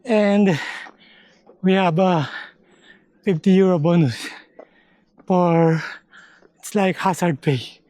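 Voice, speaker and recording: A man from the Philippines vlogging a forest hike, explaining things slowly in short halting phrases, sometimes out of breath. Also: sits high, darkish tone, no room sound. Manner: slow, halting, explains step by step. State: out of breath at times. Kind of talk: casual hiking vlog. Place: outdoors on a forest trail.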